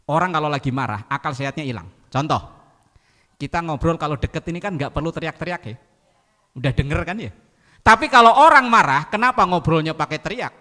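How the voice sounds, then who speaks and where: A man's voice: a little high, a little fast, long reverb tail. A man giving a sermon to a congregation, telling jokey stories and acting out quotes. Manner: lively, jokey storytelling with acted quotes. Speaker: preacher.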